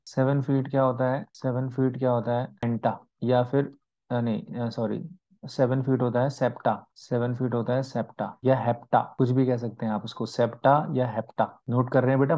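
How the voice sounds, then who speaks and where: A man's voice: medium pitch, mellow. A man with an Indian accent teaching an online exam-prep class, mixing Hindi and English and asking and answering his own questions. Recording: slightly dull lo-fi audio.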